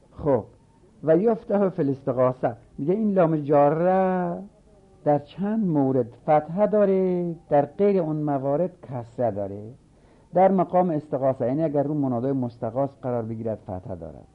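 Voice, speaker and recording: Man teaching grammar over a tinny line. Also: medium pitch. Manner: reads a text aloud, then explains it step by step; repeats examples slowly and deliberately. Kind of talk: seminary grammar lesson. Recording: narrow phone-like sound.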